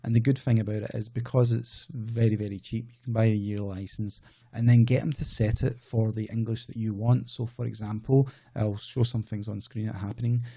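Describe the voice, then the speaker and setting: His lowish voice is gravelly, warm and slightly rough, with a flat, brisk delivery. He's a Scottish man running an outsourcing business channel, speaking casually to camera and wandering off track before correcting himself in a chatty manner.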